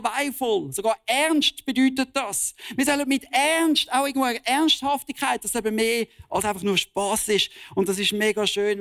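A man preaching with passion. His voice sits high and climbs even higher on the words he stresses. He drops casual slang into a heartfelt sermon. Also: no room sound. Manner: impassioned, rising to emphatic high-pitched stress.

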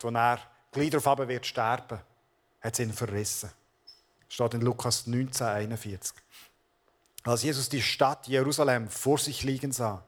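A man, a pastor preaching a sermon, speaking earnestly and addressing the listeners directly. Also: medium pitch.

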